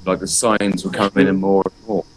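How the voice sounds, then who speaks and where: This is a rough recording with a crowd audible behind him: a forties-aged Englishman, a guest energy painter, speaking low and fairly flat at a moderate pace. He's earnest yet loose in a casual interview, restarting often and leaning on fillers.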